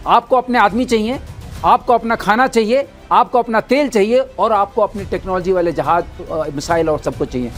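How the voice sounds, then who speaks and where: A man's voice: high voice, moderate pace, faint music behind. A man speaking as a guest defence expert on a TV news debate, explaining points in an emphatic, step-by-step way. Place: TV studio.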